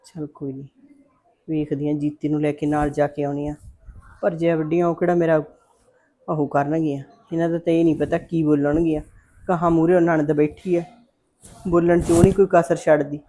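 A woman's voice: low voice, flat delivery, normal speed, long pauses. A woman playing a worried, scheming village mother who scolds and coaxes her daughter in a family drama. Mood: fretful, scheming. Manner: fretful, scolding, loud when calling out. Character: scheming middle-aged village mother, worried and sharp-tongued.

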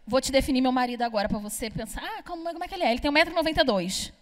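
A woman's voice: high-pitched, rapid-fire, long reverb tail. A young woman from Brazil, doing a brash, chatty stand-up comedy set and teasing the crowd. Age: young adult. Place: comedy club stage. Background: audience laughter.

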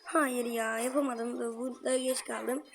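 A woman giving excitable let's-play commentary, talking straight to her viewers and grumbling at the game. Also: a little high, a little slow, over music. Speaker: gameplay commentator.

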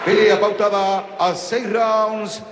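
Slow, high-pitched ring announcer, booming reverb. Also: male voice, little pitch movement, some chatter behind. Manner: showy ring-announcer delivery with drawn-out names, like lucha libre. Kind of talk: formal fight introductions. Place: stadium, over the PA. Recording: long booming arena reverb.

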